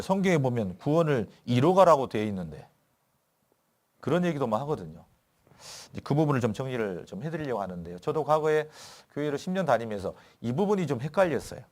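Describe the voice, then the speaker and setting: A man preaching a sermon as pastor, asking his listeners questions and answering them himself. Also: a little high. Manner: reads scripture slowly and deliberately. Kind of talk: sermon at a Bible lecture.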